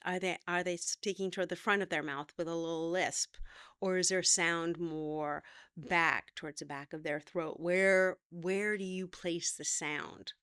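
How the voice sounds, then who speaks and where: Middle-aged lady teaching acting, upbeat and encouraging, low voice, very dry room. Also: fairly even intonation, a little slow, fairly bright tone, clear, resonant tone, no echo. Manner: chatty, enthusiastic, encouraging. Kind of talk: talking-to-camera acting lesson.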